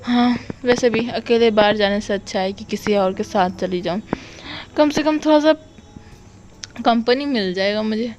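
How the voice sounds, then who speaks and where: A woman's voice: a little high, normal speed, a little mellow, highs cut off, a little hiss or hum, close to an everyday voice. A woman voicing a playful young woman who teases her friend and chatters about missing her girlfriend. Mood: complaining. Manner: teasing, chatty.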